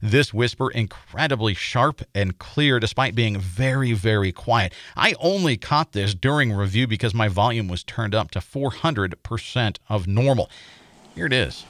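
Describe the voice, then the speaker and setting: An American man narrating a scripted paranormal feature as host, in a measured, suspenseful storytelling manner. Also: on the low side, expressive, a bit bright, no room sound, studio quality.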